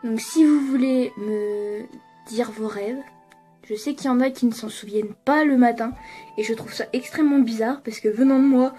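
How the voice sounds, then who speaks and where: A young woman with a fairly high but mellow, relaxed voice, chatting casually to camera from her apartment. She laughs a lot and swears freely, with a self-mocking tone, while faint music plays behind her. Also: normal speed, slightly rough. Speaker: YouTuber. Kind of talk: casual vlog chat to camera.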